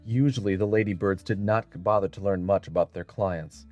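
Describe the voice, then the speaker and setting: Faint music sits behind the scripted storytelling as a man reads a dramatic audiobook at normal speed. His voice is very low and has a darkish tone.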